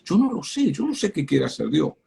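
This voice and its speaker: A man's voice: on the high side, big pitch swings, a little fast, creaky, mellow, breathy edge. A man giving a fervent sermon-style talk as a guest speaker on a live stream, speaking directly to his listeners and often repeating words as he starts a phrase.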